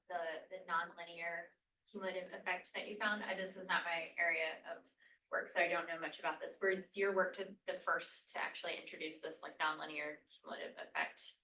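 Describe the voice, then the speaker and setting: A woman's voice: lowish voice, pushed and bright. A woman asking academic questions from the audience in a casual, conversational way. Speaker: audience questioner at a thesis defense. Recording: echoey, distant, noisy room pickup.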